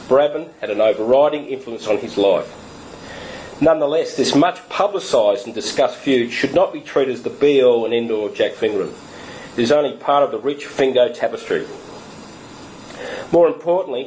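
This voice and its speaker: A man's voice: medium pitch, darkish tone, a little hiss or hum, rough recording. An author reading from his biography at a talk in a lecture room into a podium microphone, then answering questions. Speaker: author and guest speaker.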